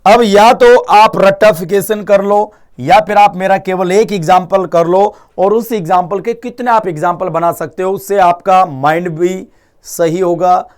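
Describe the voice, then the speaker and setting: A young man with a high voice teaches a live online Hindi grammar class at a measured pace. He's lively, quizzing his students with repeated questions and mixing English words into his talk.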